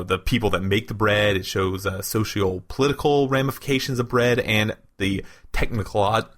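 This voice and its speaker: Man, podcast co-host, casual chat, enthusiastic, laughs often, fairly low voice. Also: fairly bright tone. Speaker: co-host, segment presenter.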